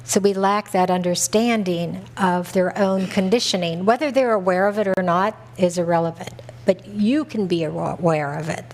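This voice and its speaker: A middle-aged woman from North America speaks as a spiritual teacher at a retreat. Her delivery is gentle and conversational, unhurried and reflective, with small restarts as she thinks aloud. Her voice sits in an ordinary middle register for a woman. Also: mid-range voice. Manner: gentle and conversational, with soft laughs and easy restarts.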